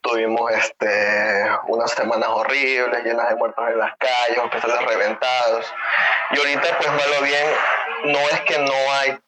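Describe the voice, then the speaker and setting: A man's voice: medium pitch, flat delivery, normal speed, a loud crowd, rough recording. A man co-hosting a casual podcast chat, opinionated and thinking aloud with restarts. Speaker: podcast co-host. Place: Ecuador.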